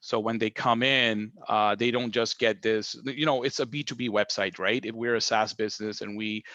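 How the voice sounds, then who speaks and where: Guy talking marketing in an interview, lowish voice, lots of ums, dull dry audio. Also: fairly even intonation, normal speed, pushed and bright, no echo. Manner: thoughtful, many fillers and restarts. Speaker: marketing director, guest. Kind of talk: business interview.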